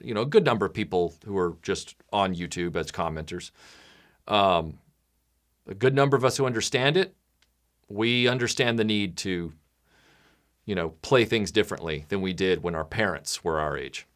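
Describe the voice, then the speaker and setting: A channel creator talks to his patrons bluntly and casually at a moderate pace. Now and then he mimics other people in loud, high voices.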